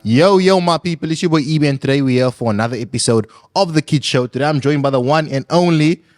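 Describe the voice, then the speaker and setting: A man's voice: on the high side, fast talker, a little mellow, faint music behind. A young man from Congo with a Cape Town accent, hosting a casual podcast interview in an easygoing, slangy way. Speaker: podcast host. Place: podcast studio.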